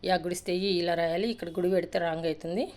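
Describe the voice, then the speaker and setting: A woman teacher rapidly reciting an alphabet drill in a sing-song rhythm, adding brief asides about writing the letters. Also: on the low side, fairly even intonation, darkish tone. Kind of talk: reciting a Telugu alphabet lesson.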